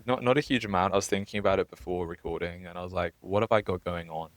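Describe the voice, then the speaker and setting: A young man co-hosts a podcast, chatting in a casual, conversational way. His voice is low-pitched and he talks fast.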